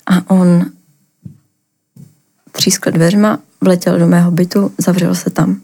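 A young woman from the Ostrava region giving a personal account as a podcast guest, talking haltingly with lots of filler words. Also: fairly low pitch, flat delivery, mellow, breathy edge.

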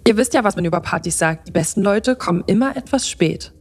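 A woman's voice: medium pitch, lively intonation, fast talker. A woman reading the lines of a brash, teasing young female witch in an audio story. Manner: teasing and flippant.

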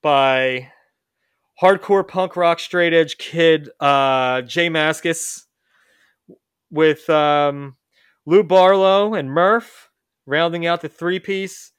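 A podcast host talks extremely slowly in a smooth, slightly high voice during a loose conversation about music. Rambling and self-correcting, he restarts sentences often; the studio recording is clean with no room sound.

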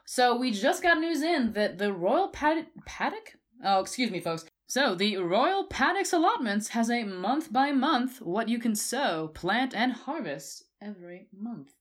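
A woman putting on the loud, hammy voice of a cheesy news anchor. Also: very animated, unhurried, hardly any pauses. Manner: loud, booming showman delivery.

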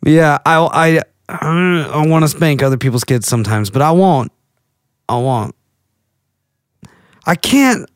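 A goofy Texan man in his late twenties rambles through a loose, animated monologue, often cutting himself off mid-sentence. His smooth, clean voice sits fairly high for a man, and he speaks slowly with frequent pauses. The recording is close and dry, with no room sound.

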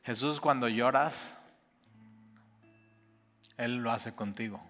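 Man preaching, bright forceful voice, long hall reverb over soft guitar. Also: mid-range voice, takes it slowly. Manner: impassioned, swings from loud to hushed. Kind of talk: sermon.

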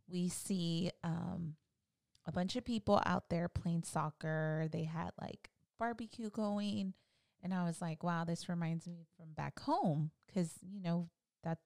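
Gravelly-voiced woman telling a story. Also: lowish voice, unhurried, no echo, clean studio sound. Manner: animated storyteller, acts out quoted lines. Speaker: co-host, wife and mother. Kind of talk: casual chat.

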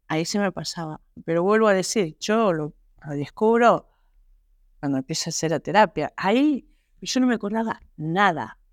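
An Argentine woman, a guest author, telling her personal story in an interview, halting and earnest with frequent restarts. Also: lowish voice, lively intonation, no room sound, clean studio sound. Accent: Argentine Spanish. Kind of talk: personal testimony in a podcast interview.

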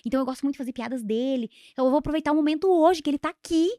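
A woman comedian, a podcast guest, chatting casually and acting out family dialogue in animated stories. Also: high voice, rapid-fire, no room sound, clean studio sound. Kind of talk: casual chat.

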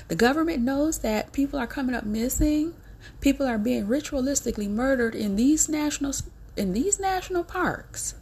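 A woman's voice: sits high, gravelly, darkish tone. A woman, a vlogger giving emphatic, preachy warnings to her viewers and repeating her points. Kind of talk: emphatic direct-to-camera warning.

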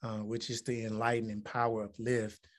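A man's voice: lowish voice, little pitch movement, moderate pace. A man in his forties from Alabama, a musician and motivational speaker, answering interview questions in an earnest, reflective way that builds to emphatic points. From Alabama, United States. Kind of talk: interview conversation.

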